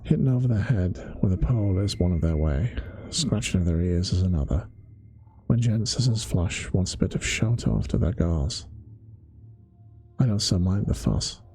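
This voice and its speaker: A man voicing a gruff old zookeeper with a London working-class accent, in a bedtime-story ASMR reading. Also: deep voice, lively intonation, dark tone, faint music behind, heavily acted. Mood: grumbling. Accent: London working-class (put on). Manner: rough dialect, slow folksy telling. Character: gruff old male zookeeper, grumbling, blunt.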